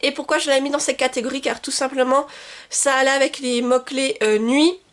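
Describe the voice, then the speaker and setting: A woman's voice: high voice, fairly even intonation, brisk. A woman from France talking through her reading challenge in a casual book vlog, chatty with frequent fillers and restarts. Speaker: book vlogger.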